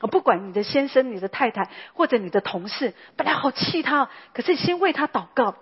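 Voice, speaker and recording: A woman's voice: high-pitched, lively intonation, a little fast, slightly rough, muffled recording. A woman, a pastor's wife preaching a sermon in a chatty way, full of tag particles and fillers.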